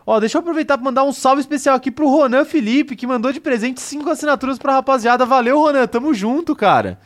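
A young man with a Brazilian Portuguese accent co-hosting a casual live stream, animated, reading out viewer comments and joking with his co-host. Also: very high-pitched, quick pace. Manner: animated, reads viewer comments aloud and jokes.

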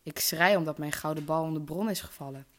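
A woman's voice: low-pitched, quick pace, natural voice. Casting: woman voicing a spoiled, fearful storybook princess, eager and breathless. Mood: dismissive.

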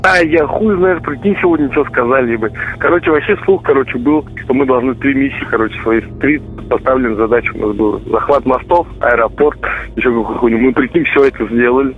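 Swearing soldier, muffled radio-like phone line. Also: male voice, medium pitch, fast talker, soft background music. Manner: constant heavy swearing. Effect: voice heard over a radio-like phone intercept. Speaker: soldier calling home from the front. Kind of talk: casual phone chat, venting. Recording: muffled narrowband intercepted phone call.

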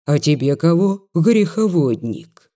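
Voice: mid-range voice, big pitch swings, takes it slowly, warm tone. A reader voicing a cranky old village woman who lisps and scolds. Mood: scolding. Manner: scolding, lisping.

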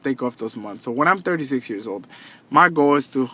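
A man of thirty with a sharp, mid-range voice talks animatedly and a little fast in a relaxed motivational monologue. As a podcast host and entrepreneur, he addresses listeners earnestly while frequently starting over and repeating himself.

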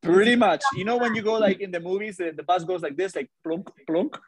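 A man telling a personal story to a live audience in an animated, conversational way, often checking in with listeners. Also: high voice, fast, breathy edge, no echo.

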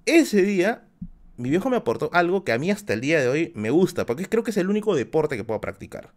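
A man's voice: fairly high pitch, big pitch swings, fast talker. A man with a Peruvian accent telling a story on a live stream in a casual, slangy, self-mocking way. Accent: Peruvian Spanish. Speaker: livestreamer telling stories.

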